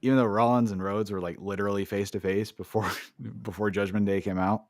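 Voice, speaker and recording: A man's voice: lowish voice, steady tone, a little fast, no echo. A man co-hosting a casual podcast, recapping a wrestling show, laughing often and acting out quoted lines. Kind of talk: casual chat.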